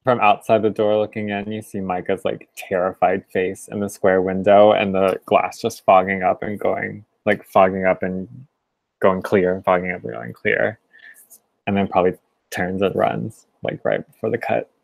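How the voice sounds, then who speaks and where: A man's voice: deep voice, little pitch movement, normal speed, creaky, dry recording. A man playing a tabletop game, describing his character in a cinematic, descriptive way. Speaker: player.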